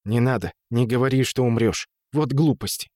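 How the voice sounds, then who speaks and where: A man's voice: mid-range voice, normal speed, dark tone, no echo, studio quality, natural voice. A man voicing an earnest, straightforward young prince who pleads desperately in a storybook reading. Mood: pleading.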